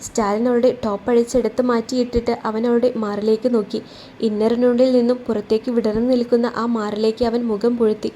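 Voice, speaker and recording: Mellow-voiced woman narrating a romance story. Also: fairly high pitch, level tone, fast, slight background noise. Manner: voices every character in her own voice.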